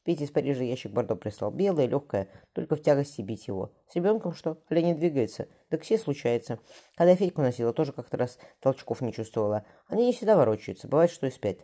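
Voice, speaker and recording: Brief: narrator doing a brisk, mellow-voiced noblewoman, blunt and earthy. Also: a bass voice, big pitch swings, full character voice. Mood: coaxing. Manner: earthy, commanding, plainspoken. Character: confident, blunt Russian noblewoman, pregnant mother. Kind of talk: audiobook character voicing.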